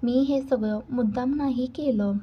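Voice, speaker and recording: A woman voicing a gentle, sorrowful young newlywed woman in a read-aloud story. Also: high-pitched, unhurried, lo-fi sound, a little hiss or hum. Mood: sad. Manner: quiet and sorrowful.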